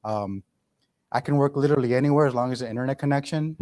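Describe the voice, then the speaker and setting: Middle-aged guy talking to students, candid and chatty, lots of restarts, mid-pitched voice. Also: fast talker, darkish tone. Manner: candid, conversational, many restarts. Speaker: guest speaker. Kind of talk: motivational talk to students. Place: university event room.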